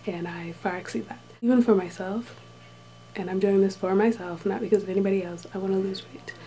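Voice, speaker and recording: A woman talking softly and half-whispering in a casual vlog, recorded in a small room with thin walls. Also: medium pitch, fairly even intonation, a little fast, rough recording. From United States. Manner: talks softly and hushed, drifting into whispers. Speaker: vlogger, English teacher abroad.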